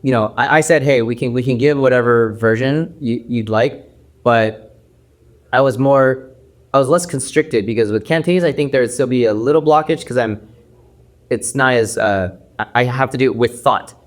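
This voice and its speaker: Speaking at normal speed in a mid-range voice, a male actor rambles through a casual podcast interview, full of fillers and restarts. He is from the United States, and Mandarin is his first language.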